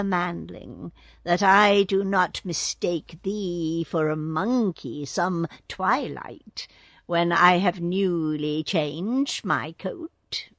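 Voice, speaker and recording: A woman voicing Kaa, a great male python who speaks slowly and slyly. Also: lowish voice, a bit bright, dry recording, clean studio sound, exaggerated voice. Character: great old male python, slow and sly.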